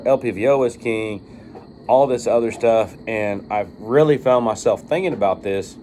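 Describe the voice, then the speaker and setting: Rambling man, lowish voice, noisy recording. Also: warm tone. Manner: rambling, informal, with some swearing. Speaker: video reviewer of firearm optics. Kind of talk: casual unscripted monologue to viewers.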